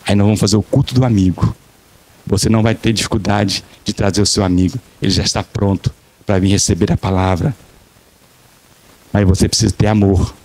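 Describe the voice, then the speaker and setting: Emphatic pastor preaching. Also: male voice, on the low side, darkish tone. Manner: dramatic storytelling, acting out dialogues; emphatic repetition. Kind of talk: sermon.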